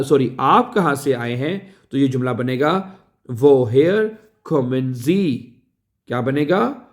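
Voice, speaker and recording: Slow-paced man teaching phrases. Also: mid-range voice, darkish tone. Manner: repeats phrases slowly with drawn-out syllables, asks "right?". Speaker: language teacher. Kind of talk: slow language lesson.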